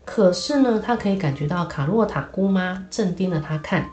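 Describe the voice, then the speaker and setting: A woman's voice: on the low side, lively intonation, normal speed, a little mellow, roomy sound. A woman telling a children's story in a chatty way, with many filler particles.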